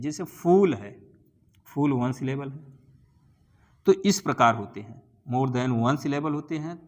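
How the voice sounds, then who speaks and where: A man teaching an English grammar lesson, going through word forms slowly and repeating each one with its translation. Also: mid-range voice, lo-fi sound. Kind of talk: grammar lesson explaining to students.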